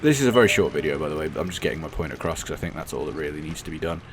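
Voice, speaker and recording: Racing along, a very deep-voiced gaming commentator, hoarse and croaky, rambles casually over gameplay and stops to correct himself. He gives blunt, unfiltered opinions against clear gunfire and engine noise.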